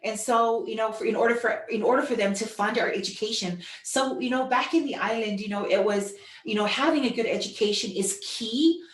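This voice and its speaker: Speaking from an echoey room into a distant mic, a woman from Samoa delivers a casual online business talk mixed with personal anecdotes. Her delivery is halting and repetitive, packed with "you know," and her pitch is on the high side.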